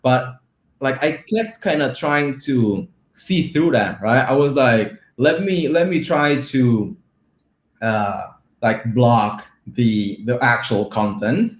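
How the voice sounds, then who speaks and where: Man, interview guest, loose rambling delivery, roomy echo, mid pitch. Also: takes it slowly. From Czech Republic. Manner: relaxed, rambling, often asks "right?". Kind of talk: casual interview talk.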